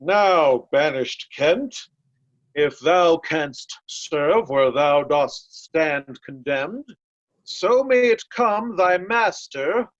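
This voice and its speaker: Here a man reads the part of a blunt, loyal noble posing as a servant in a readers' theatre Shakespeare staging, his delivery resolute, earnest and deferential. The voice is a little high, and the dry, dull lo-fi audio has no echo.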